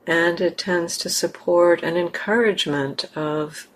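A woman guides a meditation in a low, steady tone. As the teacher, she talks gently and without hurry, pausing for a long time between phrases.

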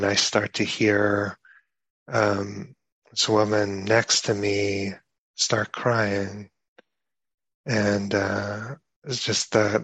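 Slow, husky-voiced man giving a dharma talk. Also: on the low side, a bit bright, no echo, poor audio. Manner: slow, halting, reflective, many pauses and fillers. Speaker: meditation teacher.

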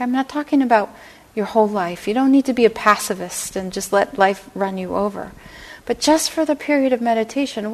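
Middle-aged woman leading a meditation class, soft and easygoing, keeps saying right? and you know. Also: medium pitch. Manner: gentle, unhurried, lots of "right?" and "you know". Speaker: meditation teacher. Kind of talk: dharma talk to a class. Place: meditation hall.

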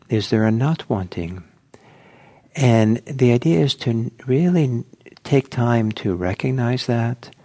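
A man leading a guided meditation talk at a meditation center, speaking slowly and gently with frequent pauses. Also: fairly low pitch. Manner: slow, gentle, pausing often. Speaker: meditation teacher.

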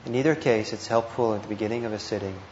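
A man with a fairly low, steady voice guides a meditation in an echoey indoor hall, speaking like a teacher, gently and a bit hesitantly, with pauses between short phrases. The live recording sounds muffled and roomy, and background noise is clearly audible.

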